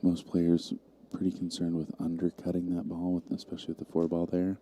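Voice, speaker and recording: Low dark-voiced male pool commentator. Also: brisk, a little hiss or hum. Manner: calm, analytical shot-by-shot calls. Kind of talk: live sports commentary.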